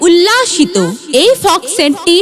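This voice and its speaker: A woman announcer delivering an emphatic, repetitive hard-sell promotional pitch, as for a street publicity van. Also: expressive, a little slow. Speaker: advertising announcer.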